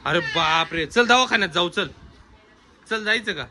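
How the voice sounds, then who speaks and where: A man's voice: sits high, expressive, moderate pace. Man vlogging over a noisy background. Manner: exclaims often, questions children, addresses viewers. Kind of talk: casual family vlog. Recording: noisy background with ambient sound.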